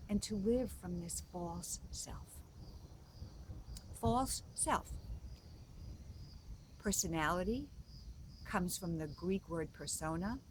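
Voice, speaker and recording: A woman spiritual coach giving a reflective talk, gently repeating key phrases for emphasis. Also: medium pitch, a little hiss or hum.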